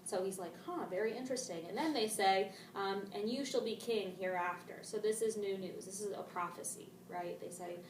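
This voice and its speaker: A woman's voice: medium pitch, steady tone, moderate pace, few pauses. A woman teacher leading a casual discussion of a play, paraphrasing the text in everyday modern slang. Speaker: English teacher. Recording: roomy, distant mic, faint noise.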